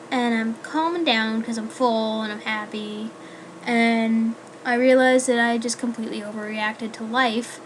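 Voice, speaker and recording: Chatty young woman, slightly high voice. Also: slight background noise. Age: young adult. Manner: rambling, full of "like" and "um". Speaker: student vlogger. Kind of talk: casual chat to camera.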